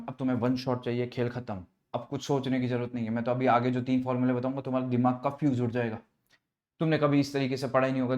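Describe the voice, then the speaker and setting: A male finance teacher drives an exam revision lecture with rapid call-and-response drills. His pitch sits mid-range for a man, and he keeps hyping his students with playful boasts. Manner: energetic call-and-response questioning.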